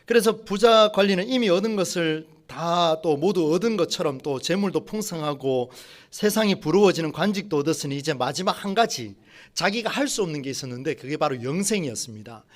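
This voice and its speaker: Animated Korean-speaking pastor, lively pitch. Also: male voice. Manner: lively preaching with rhetorical questions to the congregation; slows and rises when reading scripture aloud. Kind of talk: sermon.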